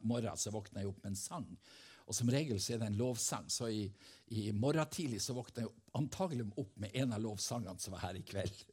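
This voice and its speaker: A man's voice: on the low side, darkish tone, breathy edge. A man giving a fervent devotional testimony as a preacher, telling stories from his own life. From Helgeland coast, Norway. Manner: fervent, storytelling.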